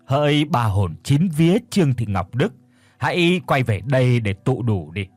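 A man voicing a calm old exorcist master with a deep, warm, soothing voice. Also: moderate pace, dry recording, soft background music. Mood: solemn. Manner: soothing, steady.

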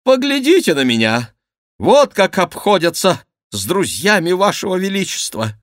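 A man voicing an agitated young royal favourite who shouts his outraged complaints. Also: sits high, big pitch swings, moderate pace, no echo, clean studio sound, pitched above the performer's own voice.

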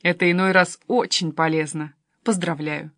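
Woman voicing a measured male theatre director. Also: lowish voice, steady tone, a bit bright, dry recording, clean studio sound. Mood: approving. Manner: slow, deliberate, approving.

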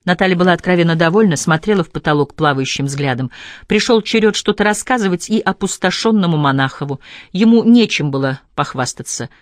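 A woman narrating a literary novel in a measured, thoughtful manner, slowing on key phrases. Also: lowish voice, lively intonation, no room sound, clean studio sound. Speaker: audiobook narrator. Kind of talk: scripted narration.

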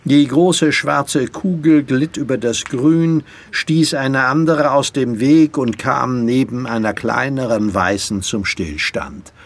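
Male audiobook narrator, slow, expressive, gravelly, lively pitch. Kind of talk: scripted narration.

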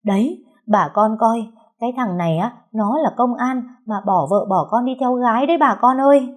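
A woman voicing a shrill, outraged older mother-in-law who wails and shouts for the neighbors. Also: moderate pace, close to an everyday voice. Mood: wailing.

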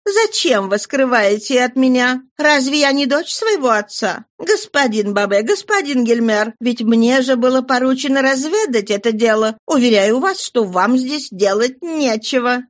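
A woman's voice: high voice, lively intonation, normal speed, few pauses, voice pushed up. A woman voicing a bold, stubborn young woman from a family of thieves in a read-aloud novel. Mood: coaxing. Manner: defiant, stubborn.

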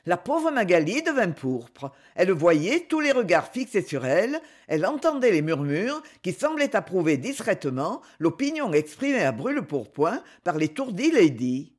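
A woman reads a classic romantic novel aloud in a measured way. Her narration has animated, lively pitch movement that keeps the prose expressive. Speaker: audiobook narrator.

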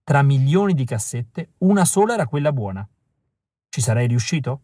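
A man narrating an audiobook in a measured, expressive way. His voice sits at a middling pitch, and the close recording has no room sound. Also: no echo. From Italy. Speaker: audiobook reader.

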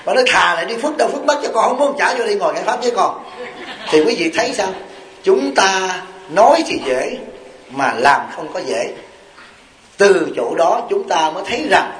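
A man, a Buddhist monk with a Southern Vietnamese accent, giving a sermon in a folksy storytelling way, with rhetorical questions and acted-out quotes. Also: sits high. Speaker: Buddhist monk and abbot giving a dharma talk. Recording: echoey hall recording.

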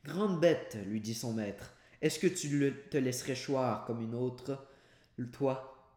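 Guy doing a gruff old miser, raised loud bark, kinda teasing, echoey room. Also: medium pitch, slow, lightly acted. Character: old miserly male master of the house, gruff. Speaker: former cooper. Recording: roomy echoey home recording.

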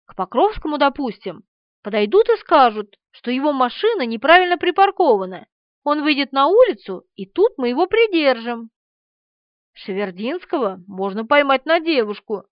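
A woman voicing an impatient police officer who lays out plans in a brisk, bossy way. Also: sits high, big pitch swings, no room sound. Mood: scheming. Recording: dull lo-fi audiobook recording.

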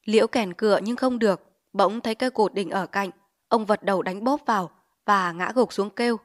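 A woman narrating a novel as an audiobook, with steady storytelling delivery. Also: medium pitch, a little fast, dry recording, clean studio sound.

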